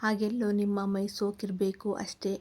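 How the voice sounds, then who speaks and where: A woman's voice: mid-range voice, completely flat delivery, normal speed, a little mellow, lightly acted. Woman doing Daya, blunt hot-tempered village man. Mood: indignant. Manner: blunt rustic village dialect.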